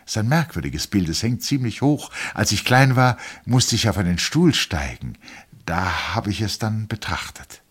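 A reserved young lieutenant answers plainly and earnestly, as a man reading the novel voices him. The tone stays low and slightly husky. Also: lively intonation, moderate pace.

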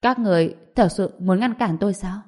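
A cold, taunting male villain from a martial-arts storybook, read by a woman. His lines come quicker than the narration, pressed and cutting, over a mellow, dark tone. He sounds sure he cannot lose. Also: medium pitch, close to an everyday voice.

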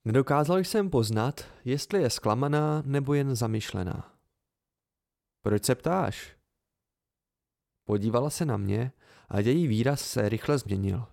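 A man's voice: mid-range voice, gravelly, darkish tone, no room sound, clean studio sound. A man narrating a first-person story in an amateur audiobook reading.

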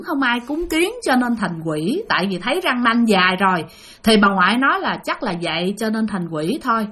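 A woman narrates a ghost story in a chatty, lively voice. Her voice is bright and sits fairly high. She often turns to talk straight to her listeners. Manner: chatty, addresses listeners directly.

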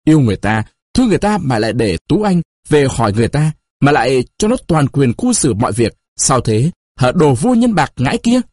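A man voicing a bitter young village woman who accuses her lover in a shrill, scolding, husky voice. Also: very animated, fairly quick, hardly any pauses, darkish tone, no room sound, clean studio sound. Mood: accusing. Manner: shrill, scolding, pressed high.

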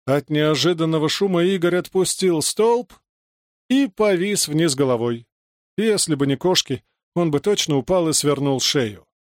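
A man narrating a story aloud in a lively, expressive reading style. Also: a little high, no echo, clean studio sound.

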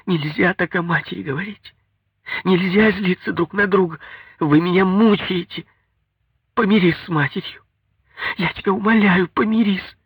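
A man's voice: lively intonation, unhurried, pauses often, breathy edge, no room sound, lo-fi sound, full character voice. A man voicing a young wife in an audiobook, anxious, tearful and pleading. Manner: pleading, high-pitched.

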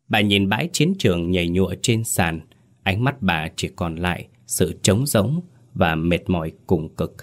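A man narrating a horror story with dramatic, vivid delivery. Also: low-pitched.

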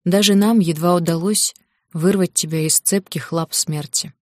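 A woman voicing a kindly, stern male elder who speaks softly and fatherly in an audiobook. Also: fairly low pitch, fairly even intonation, normal speed, no echo, studio quality, close to an everyday voice. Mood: gently stern.

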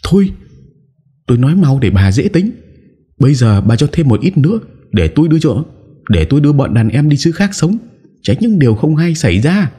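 A man's voice: a little high, very animated, brisk, mellow, breathy edge, voice pushed up. A man voicing a shady middle-aged female gangster who stammers and pleads in an audiobook. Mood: bargaining. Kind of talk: audiobook character voice.

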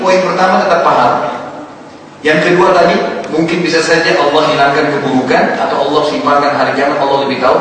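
A man giving an Islamic sermon, lively, moving between hushed prayerful words and excited emphasis. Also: a little high. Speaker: Islamic preacher. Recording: very echoey hall, voice from far off, faint noise.

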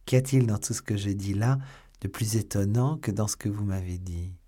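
A sardonic, steely English nobleman, as a male audiobook reader voices him. The voice is deep and husky, close to the reader's own. He speaks in a measured, quietly mocking tone. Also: close to an everyday voice. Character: stern English baron, sly and mocking. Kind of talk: audiobook character voice.

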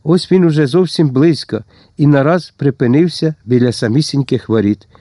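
A man narrating a story as an audiobook reader, steady and tense. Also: medium pitch, normal speed, no echo, studio quality. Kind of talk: scripted narration.

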